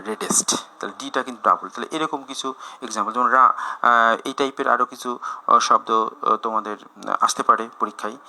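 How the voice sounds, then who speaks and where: A man teaching a grammar lesson, explaining rules patiently with many pauses and fillers. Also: medium pitch, creaky, bright, forceful tone.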